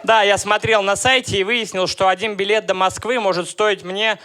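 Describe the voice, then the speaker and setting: A man in his thirties from Russia works through a stand-up set, dry and ironic, chatting with the crowd between jokes. His voice sits fairly high for a man. The live club recording carries clear background noise. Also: steady tone, moderate pace. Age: 30s. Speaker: stand-up comedian.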